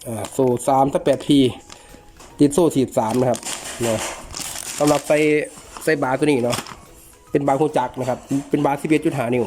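A man's voice: medium pitch, fairly even intonation, fairly quick, long pauses, music in the background. A man with an Isan accent, a chainsaw repairman unboxing and reviewing a saw in a chatty, joking way, talking to his viewers as brothers and sisters. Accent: Isan (Northeastern Thai). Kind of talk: casual product unboxing review.

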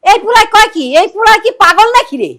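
Woman as exasperated mother, very high bright voice, scolding. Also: sing-song, fast, full character voice. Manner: shrill, exasperated questioning. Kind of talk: comedy TV play acting.

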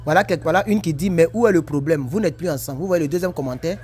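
Animated man vlogging on a break. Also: on the high side, very fast. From Ivory Coast. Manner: animated, repetitive, preachy. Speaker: vlogger reacting to comments. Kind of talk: casual commentary. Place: at work on a break.

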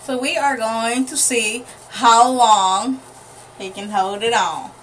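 High-voiced young woman chatting casually. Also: slow, a bit bright. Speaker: challenge video host. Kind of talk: casual chat to camera. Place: indoor room with green backdrop. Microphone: camera microphone a few feet away. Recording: distant microphone, clearly noisy room.

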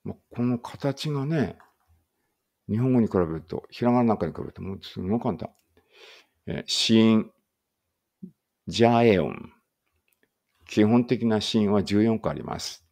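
A man's voice: fairly low pitch, lively intonation, measured pace, vocal fry, long pauses, darkish tone. A man reading a study text aloud in a casual study-along and thinking aloud in muttered asides. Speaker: language teacher reading aloud.

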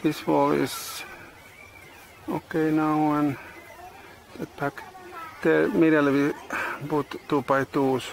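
A middle-aged man, not a native English speaker, vlogging outdoors on a tropical farm. His English is halting, with many pauses and uh's, and the camera is held at arm's length. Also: a little high, flat delivery, gravelly, slight background noise. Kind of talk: casual vlog narration. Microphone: handheld camera selfie and tripod camera.

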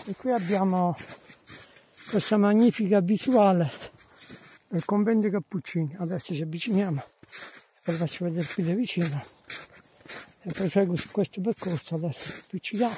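Guy with a high mellow voice walking through snowy woods, talking you through each step, faint noise outside. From Italy. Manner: explains each step as he walks. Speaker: hiking guide. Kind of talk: walking vlog narration. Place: snowy woods outdoors in light rain.

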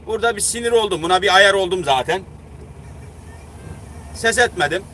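Heated man in his thirties, truck driver, high-pitched voice, vlogging by a loud road. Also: expressive, fairly quick. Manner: heated, indignant, swearing, acts out both sides of a quarrel. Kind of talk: angry casual storytelling vlog. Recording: noisy roadside traffic. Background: vehicles and outdoor traffic.

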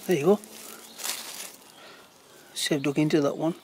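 A middle-aged man forages in the woods, chatting casually and pointing things out as he digs, filmed on a handheld phone. His voice is fairly high and warm, with fairly even intonation and a slightly slow pace. There's a little background noise.

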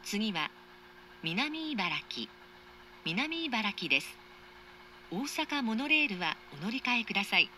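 A woman's voice: fairly high pitch, sing-song, takes it slowly, pauses often, sharp tone, slight background noise. A woman reading scripted station announcements as an automated train announcer.

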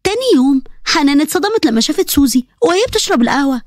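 Brisk Egyptian woman narrating a story. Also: high voice, very animated, a little mellow, no room sound, clean studio sound.

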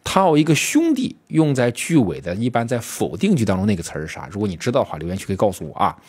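A man teaching English in a casual spoken lesson, talking straight to his students and slowing down to repeat English words. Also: lowish voice, slightly rough. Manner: lively, addresses students directly, slows to repeat English words.

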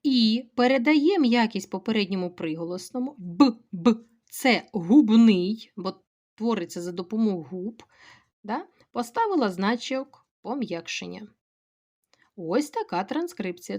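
A middle-aged woman with a Ukrainian accent, a teacher slowly explaining a grammar lesson to schoolchildren step by step and addressing them directly. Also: a little high, lively intonation, a little mellow.

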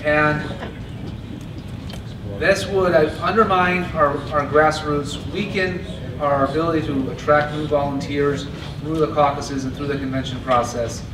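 A man giving a steady, earnest convention stump speech at a podium microphone. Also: on the high side, measured pace. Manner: earnest, steady delivery with occasional restarts. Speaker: party chair candidate. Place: large convention hall, indoors. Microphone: podium mic on stand. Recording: echoey hall from a far camera with noise.

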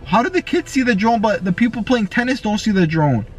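A man's voice: high-pitched, animated, brisk, faint music behind. A man in his twenties chatting casually as a reaction vlogger, slangy and laid-back. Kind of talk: casual reaction vlog chat. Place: bedroom, reclining on a bed.

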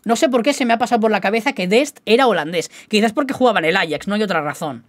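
Talking fast in a high, fairly bright voice, this young man is a gaming YouTuber with a faint Galician flavor to his Spanish accent. He keeps addressing his viewers in a chatty, rambling, self-mocking way, and there's no echo.

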